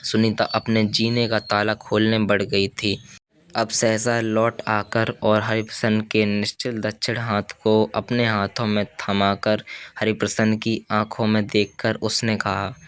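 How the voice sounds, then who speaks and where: A man narrating a literary novel in a measured, even reading. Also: lowish voice, smooth. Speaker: audiobook narrator. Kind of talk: scripted narration.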